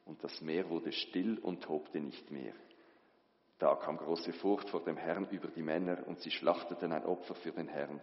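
A man with a very low voice reads scripture in a measured way and raises his voice for quoted speech. The sound is echoey with a long hall reverb and a dull, lo-fi tone. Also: steady tone. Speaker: scripture reader. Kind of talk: liturgical Bible reading.

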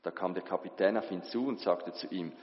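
A man with a very low voice reads scripture in a measured way and raises his voice for quoted speech. The sound is echoey with a long hall reverb and a dull, lo-fi tone. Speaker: scripture reader. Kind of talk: liturgical Bible reading.

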